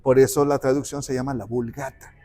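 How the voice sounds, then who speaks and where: A man narrates a saint's story in an easy conversational way, slipping into the voices of the people he quotes. His tone is mellow and dark, pitched at an ordinary middle height, with faint music in the background. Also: brisk. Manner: animated, acts out quoted dialogue. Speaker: guest speaker on the parish patron saint.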